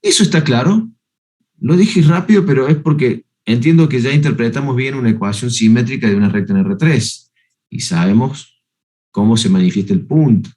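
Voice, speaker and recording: A man's voice: mid-range voice, lively intonation, moderate pace, warm tone. A man giving a university math lecture, working step by step through the notes and checking that students follow. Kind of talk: university lecture on analytic geometry.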